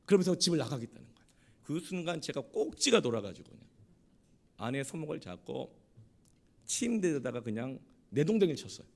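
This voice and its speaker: A middle-aged man preaching a sermon, telling a personal story, moving from hushed tones to loud, emotional bursts. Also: on the high side, big pitch swings, fairly quick, creaky. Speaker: pastor.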